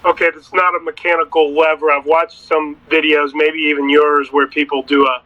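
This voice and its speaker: A man's voice: on the high side, flat delivery, moderate pace. A man chats casually as a learner, asking questions and confirming what he is told, on a muffled recording. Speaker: boat owner being taught. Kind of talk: casual question-and-answer chat. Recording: dull, muffled lo-fi sound.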